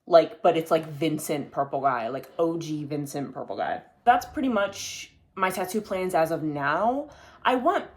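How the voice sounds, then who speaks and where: A young man runs his own video podcast, rambling casually at the camera and swearing occasionally. His voice is on the high side and expressive, and he talks a little slowly.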